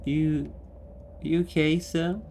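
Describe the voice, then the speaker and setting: A man's voice: a little high, little pitch movement, slow pace, background noise. A man giving casual, hesitant let's play commentary, muttering to himself as he plays. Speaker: gamer playing and commenting.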